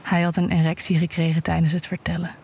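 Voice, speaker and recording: Hushed, breathy woman narrating an intimate story. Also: fairly low pitch, monotone, fast. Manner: hushed, often whispered delivery.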